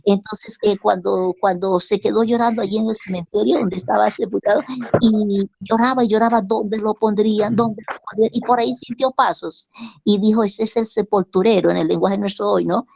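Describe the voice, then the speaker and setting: Woman Bible teacher, gravelly voice, chatty storytelling with rhetorical questions, dry dull lo-fi recording. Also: medium pitch, fairly even intonation, fairly quick, a little mellow, dry recording.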